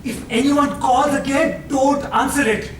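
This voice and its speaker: A man's voice: extremely high pitch, fairly even intonation, measured pace. An actor playing an anxious, bossy husband in a stage farce, urgently giving orders as he covers up a scandal. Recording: very echoey hall, distant, faint noise.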